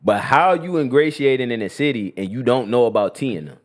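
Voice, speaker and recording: A young man from Columbus, Ohio co-hosts a podcast in a mid-range voice with lively intonation and a brisk pace. His chat is loose, casual and slangy, with frequent "you feel me."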